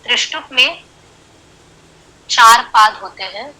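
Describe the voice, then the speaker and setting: A woman's voice: fairly high pitch, slow, sharp tone, rough recording. A woman teaching a Sanskrit class online, explaining patiently and counting syllables aloud as she switches between Hindi and English.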